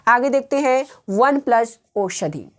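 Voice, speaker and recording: A woman with a slightly high voice teaches grammar at a patient, measured pace. She repeats each rule and pauses often as she walks through the examples. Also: expressive. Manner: patient, slow and repetitive, pausing often. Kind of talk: explaining grammar rules step by step.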